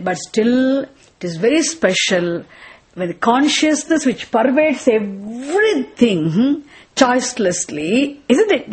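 A woman with a Tamil accent teaching a spiritual lecture in a didactic way, often checking with short questions that listeners follow. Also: on the high side. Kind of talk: Vedanta lecture, explanatory teaching.

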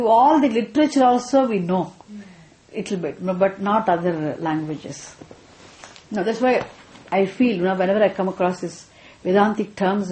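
A middle-aged Vedanta teacher from Tamil Nadu, speaking with a Tamil Indian English accent, gives a spiritual class talk on philosophy. Her mid-range voice is a little mellow, and she often checks in with listeners and repeats key phrases. The recording is rough and reverberant.

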